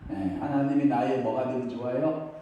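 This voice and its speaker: A man's voice: medium pitch, normal speed, dull audio. Middle-aged man preaching in an echoing church. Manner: asks the congregation questions and waits for replies; folksy, jokes and acts out family quotes. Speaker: pastor. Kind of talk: Wednesday evening prayer service sermon. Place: church sanctuary. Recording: very echoey hall, mic at a distance.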